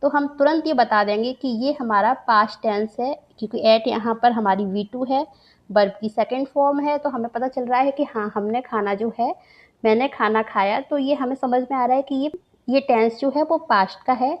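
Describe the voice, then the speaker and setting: A woman's voice: fairly high pitch, normal speed, muffled recording. A woman teaching grammar for an exam, patient and repeating each point while mixing English terms into her explanations. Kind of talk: exam-prep grammar lesson.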